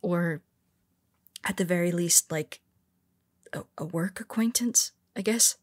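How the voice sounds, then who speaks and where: A woman's lowish voice moves at a slow pace as she performs an intimate audio roleplay as a forceful, straight-talking superhero with hidden vulnerability. She speaks conversationally, pausing for hesitant asides, in a hesitant, confiding mood.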